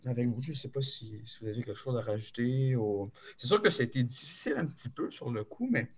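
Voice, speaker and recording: A man with a Québécois accent, calling in to tell a personal story in an agitated, halting way, full of restarts. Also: mid-range voice, expressive, slightly rough. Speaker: caller. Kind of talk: call-in confession.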